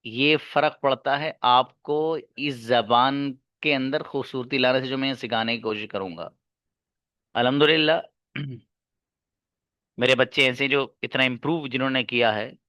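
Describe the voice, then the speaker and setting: A male teacher gives an online class with a bright, forceful tone, emphatic and direct, reaching for examples as he explains. The sound is dry and close. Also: medium pitch, clean tone, dry recording. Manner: emphatic, addresses listeners as brother, switches into Arabic and English examples. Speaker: English teacher.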